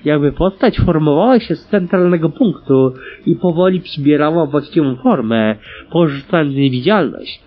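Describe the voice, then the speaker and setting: A man narrates a storybook audiobook with a lively, dramatic delivery. His voice is husky and sits on the high side, swinging widely in pitch. The recording sounds dull and lo-fi. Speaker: audiobook reader.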